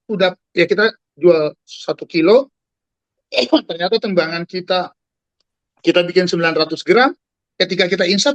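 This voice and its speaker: A man in his forties giving an animated talk on a video call, speaking straight to his listeners like a preacher. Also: sits high, no echo, low-quality recording. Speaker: guest speaker. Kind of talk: talk to an online audience.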